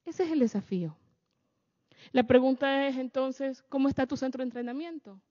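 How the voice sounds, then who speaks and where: A woman's voice: high voice, moderate pace, mellow. A woman giving a sermon-style talk on family, often checking in with her listeners through rhetorical questions. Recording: echoey hall, dull lo-fi sound.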